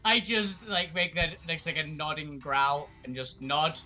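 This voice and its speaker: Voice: medium pitch, fairly even intonation, a little slow, music in the background. A player in an online tabletop game, casual and giggly, laughing often while talking.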